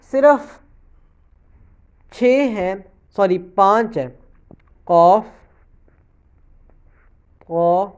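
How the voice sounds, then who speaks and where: A man's voice: high-pitched, a little mellow, clear, resonant tone, muffled recording. A man teaching beginner students Quran reading in a recorded lesson, patiently repeating points, asking questions and answering them himself, and often checking in with an 'okay'.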